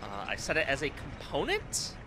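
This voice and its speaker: A man's voice: medium pitch, huge pitch swings, normal speed, noisy background. A man giving casual gameplay commentary as a streamer, rambling and swearing.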